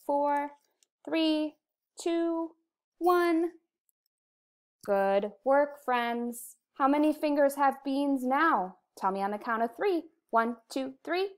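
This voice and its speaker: Slow, high-pitched American kindergarten teacher woman. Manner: kindergarten teacher voice, simple encouraging phrases with clear counting. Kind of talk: slow instructional lesson to young children. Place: indoor room, recorded video lesson at a computer.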